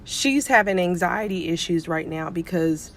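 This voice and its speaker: A woman's voice: on the low side, normal speed, slight background noise. A middle-aged woman, a pediatric nurse and life coach, telling a story casually to camera and acting out what people said. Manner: chatty, acts out quoted dialogue.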